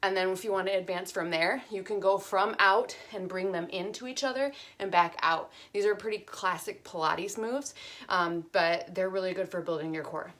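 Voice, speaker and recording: A woman's voice: mid-range voice, normal speed, a bit bright. Young female fitness instructor, casual, filler-heavy, slightly winded mid-workout. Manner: chatty, many fillers, counts aloud while demonstrating. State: slightly out of breath while exercising. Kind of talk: casual exercise demonstration.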